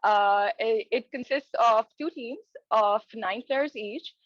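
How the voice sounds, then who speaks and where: A young woman from Pakistan, a residency applicant, gives mock job interview answers in a steady mid-range voice that is also a little high. She sounds earnest and a little halting, with many hesitant fillers and restarts. The audio is close, dry and dull with no echo, like a lo-fi video call.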